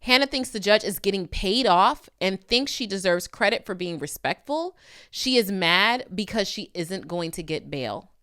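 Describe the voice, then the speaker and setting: Speaking at a moderate pace with lively intonation, this woman has a medium-pitched voice whose tone is fairly bright and clean. As a legal commentator on her own video channel, she talks straight to the viewer, conversational yet emphatic and full of opinions.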